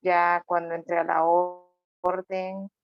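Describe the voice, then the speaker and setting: A woman guest speaking slowly and reflectively, with fillers. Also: lowish voice, monotone. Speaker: panel guest. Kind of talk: personal testimony. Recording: dry muffled lo-fi audio.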